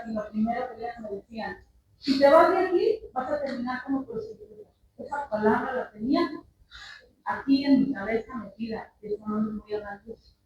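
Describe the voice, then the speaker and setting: An earnest woman shares her testimony before a church congregation, addressing everyone as brothers. Her fairly high voice comes from a distance and rings through a very echoey hall, with a faint hum of room noise behind her. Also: dull audio. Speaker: church member giving testimony.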